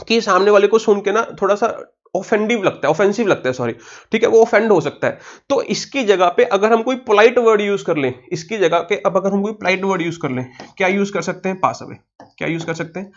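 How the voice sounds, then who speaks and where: A man's voice: high voice, animated, highs cut off. A man with an Indian accent teaching vocabulary in an online exam-prep lesson. He asks his own questions and then answers them. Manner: spells words slowly letter by letter.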